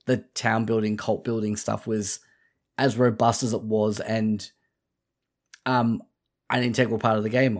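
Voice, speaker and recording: Rambling man in casual game chat. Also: fairly low pitch. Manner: rambling, many restarts and fillers. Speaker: podcast co-host.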